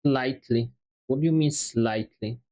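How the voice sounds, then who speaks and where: Male streamer, mid-pitched, rambling and self-deprecating, chatting on a lapel mic. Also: a little slow, dark tone, poor audio. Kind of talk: casual chat on a live stream. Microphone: wireless lapel microphone.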